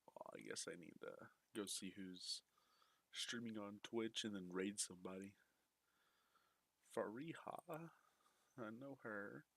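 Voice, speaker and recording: Deep-voiced laid-back male streamer. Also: takes it slowly, vocal fry, long pauses, no room sound. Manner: laid-back, thinking out loud. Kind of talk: casual chat to viewers.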